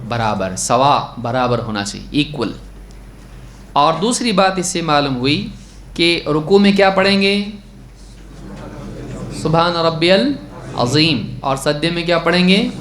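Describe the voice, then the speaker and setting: A man gives a religious lesson on prayer in a slightly high voice, heard in an echoey room. He recites a line of Arabic text, explains it, and keeps putting questions to his listeners before answering them himself. His exhortations turn stern and pleading. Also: lively intonation, fairly bright tone. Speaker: religious teacher.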